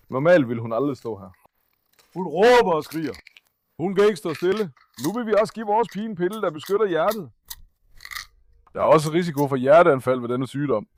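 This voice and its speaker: Young adult male vlogger, earnest and coaxing; a somewhat high voice, dry recording. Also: dry recording. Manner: gentle and coaxing with the dog, earnest when addressing viewers. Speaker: animal caretaker and channel host. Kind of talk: casual vlog explaining care of a sick puppy.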